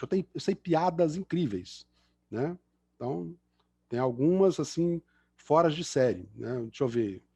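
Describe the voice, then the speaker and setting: A man's voice: fairly high pitch, darkish tone, breathy edge, dry recording. A middle-aged man from Belo Horizonte with a Mineiro Brazilian Portuguese accent, a guest engineer chatting and cracking jokes at the end of an online lecture over a video call. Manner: chatty, self-mocking joker with many fillers.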